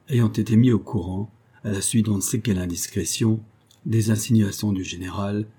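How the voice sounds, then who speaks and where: A man narrates a classic adventure novel in a measured, even way. His voice is low, dark and husky, with a mellow softness. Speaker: audiobook narrator. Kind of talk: scripted narration.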